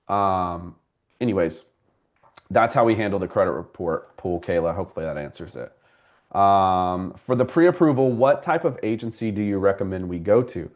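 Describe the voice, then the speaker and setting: Here the mortgage broker sounds a bit mellow, with a voice on the lower side. He leads a live homebuyer class, taking questions from the audience, responding to viewers by name and explaining things in a relaxed, conversational way.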